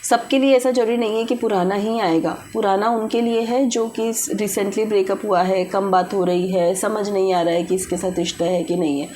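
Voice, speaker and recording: A woman's voice: medium pitch, fairly even intonation, normal speed, hardly any pauses, dark tone, slight background noise. A woman reading tarot for viewers, giving direct advice and mixing English words into Hindi. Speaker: tarot reader.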